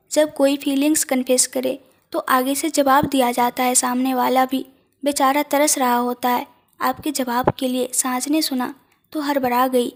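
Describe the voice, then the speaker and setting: A woman narrating a romantic audio story in a soft, even storytelling voice. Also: high voice.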